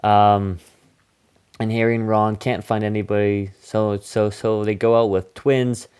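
A man's voice: on the low side, level tone, a little slow, darkish tone, clear, resonant tone. A man hosting a casual movie review podcast, recapping the plot in a goofy, rambling way. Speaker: podcast host.

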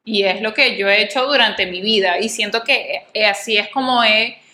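A young woman talking in a casual chat as a podcast co-host, telling her stories in an animated way and acting out the voices she quotes. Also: mid-range voice, normal speed, a little hiss or hum. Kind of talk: casual conversation. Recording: echoey room.

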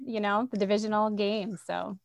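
A woman's voice: mid-range voice, little pitch movement, normal speed, gravelly, no room sound, studio quality. A middle-aged woman from Massachusetts, a guest in a podcast interview, talking in a friendly, chatty way about her career. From Central Massachusetts. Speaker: guest, education coordinator.

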